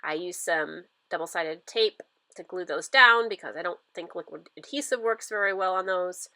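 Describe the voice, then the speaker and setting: A woman's voice: lowish voice, normal speed, sharp tone, no room sound. A middle-aged woman with a stuffy nose from a cold, chatting casually through a craft voice-over with lots of fillers. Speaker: scrapbooking vlogger.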